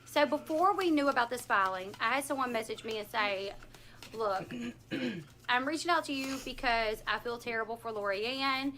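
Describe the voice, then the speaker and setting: Bright-voiced woman streaming while washing dishes. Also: fairly high pitch, moderate pace. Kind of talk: casual livestream storytelling. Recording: noisy livestream, dishwashing in the room.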